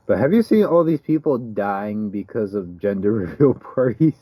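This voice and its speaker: A man's voice: fairly low pitch, expressive, normal speed, breathy edge, no room sound, dull audio. A man co-hosting a podcast in rambling, wry casual chat full of fillers. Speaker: podcast co-host.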